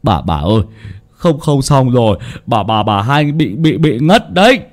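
A man's voice: medium pitch, sing-song, unhurried, voice pushed up. Man doing a breathless, stammering village boy.

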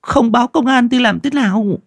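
A man voicing a frightened middle-aged village wife in an audio horror story, with a shrill falsetto, stammering and pleading. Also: brisk, creaky, no room sound, studio quality, exaggerated voice. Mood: anxious.

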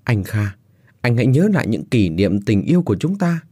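A man's voice: medium pitch, sing-song, a little fast, dark tone, slightly rough, dry recording, clean studio sound. A man voicing a desperate, heartbroken young wife who pleads through tears. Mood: pleading, tearful. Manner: tearful pleading, raised voice.

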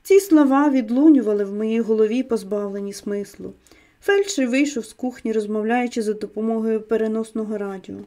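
A woman's voice: a little high, brisk, mellow. A woman narrating an audiobook in a tense, dramatic reading voice. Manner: tense dramatic reading of a first-person male story.

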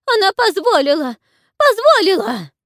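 A woman voicing a frightened, wheedling old witch with a shrill, wailing manner and folksy speech. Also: very animated, measured pace, no echo, studio quality, full character voice.

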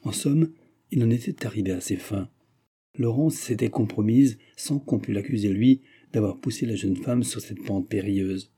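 A man narrating a classic novel as an audiobook in a measured, even manner. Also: fairly low pitch, slightly rough. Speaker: audiobook reader.

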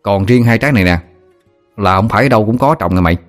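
A man's voice: on the low side, faint music behind, natural voice. A man with a Southern Vietnamese accent voicing an older village boy who teases and shows off. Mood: boastful. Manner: teasing, brash, quick-talking. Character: older village boy, teasing, brash, showing off.

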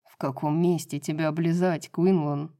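A woman voicing a low, seductive winged man. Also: steady tone, moderate pace, warm tone. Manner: low murmuring, husky seductive tone. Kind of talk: audiobook reading.

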